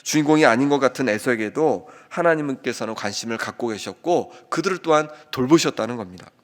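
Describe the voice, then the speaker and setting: A man preaching a sermon as pastor, earnest, slowing down when he reads scripture aloud. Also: medium pitch, animated. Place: church sanctuary. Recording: long church reverb.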